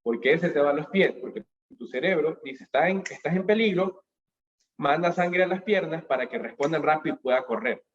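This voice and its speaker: A man giving a motivational lecture on emotions at a business school, animated, asking questions and answering them himself, heard through a webcam on a video call. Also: fairly high pitch, fairly quick, muffled recording. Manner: animated, asks and answers his own questions. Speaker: speaker at a business school talk.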